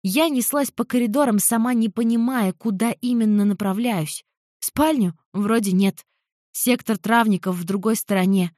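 A young woman narrating a first-person fantasy audiobook in an expressive, emotional reading. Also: a little high, normal speed, no echo, clean studio sound.

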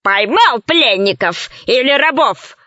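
A woman voicing a brutish, boastful male pirate chief who threatens and brags in drawn-out phrases, in a storybook reading. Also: high voice, expressive, sharp tone, no room sound, full character voice. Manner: gruff, bragging, drawn-out threats. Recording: slightly dull, dry recording.

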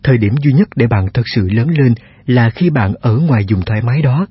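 Husky breathy guy reading self-help stuff, steady, asks the listener questions, kinda dull lo-fi audio. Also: mid-range voice, fairly quick, dry recording. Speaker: narrator. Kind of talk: scripted self-help narration. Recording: dull, slightly lo-fi sound.

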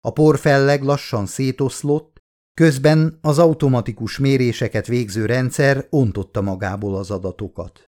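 Man narrating an audiobook. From Hungary. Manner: acts out crew dialogue with raised pitch and excitement. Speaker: author reading his own audiobook.

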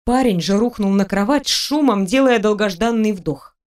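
A woman narrating an audiobook in an even, expressive reading voice. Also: mid-range voice, normal speed. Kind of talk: scripted narration.

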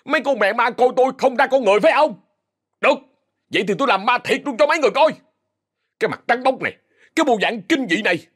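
A man's voice: extremely high pitch, expressive, fast, long pauses, a bit bright, pitched above the performer's own voice, exaggerated voice. A man voicing a panicky young male thief who wails, pleads and then brags. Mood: boastful. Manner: wailing, pleading, then boastful.

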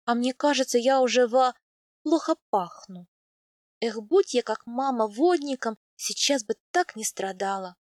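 A woman voicing a spirited young captive woman who speaks with proud, sharp-tongued mockery. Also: fairly high pitch, expressive, measured pace, no room sound, studio quality. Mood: lively.

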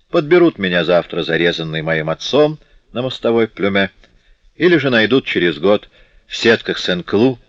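A man's voice: sits low, dry recording. A man reading the part of a ragged young street girl who scornfully taunts a gang of robbers without fear. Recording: dull dry lo-fi audiobook recording.

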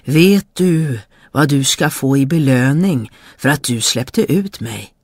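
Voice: animated, dry recording, clean studio sound. A narrator voicing a huge, boastful spirit trapped in a bottle, in a storybook reading, crying out and threatening. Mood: menacing. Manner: shrill pleading cries, then booming threats.

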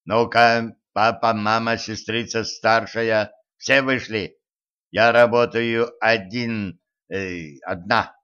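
A man voicing a gruff male graveyard master disguised as a fortune-teller, talking in a slow, folksy, commanding way. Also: fairly low pitch, fairly even intonation, sharp tone, muffled recording.

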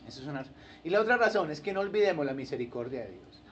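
A man's voice: a little high, fast talker, highs cut off, slight background noise. A male pastor, preaching a sermon and acting out churchgoers in playful voices. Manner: animated, acts out churchgoers in funny voices.

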